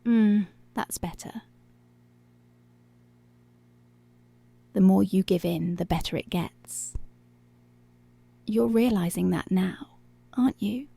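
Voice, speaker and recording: Playing a dominant policewoman in an ASMR roleplay, a voice actor speaks very slowly and controllingly in a dark, husky, medium-pitched voice that often drops to a breathy whisper. Each command is deliberate, seductive and teasing, captured close and intimate with no echo.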